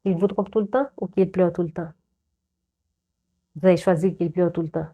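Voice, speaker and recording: A woman's voice: fairly low pitch, steady tone, moderate pace, slightly rough, narrow, tinny audio. A young adult woman giving earnest, lecturing advice straight to her viewers, often repeating words and restarting. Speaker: video creator giving life advice. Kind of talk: direct-to-camera advice talk.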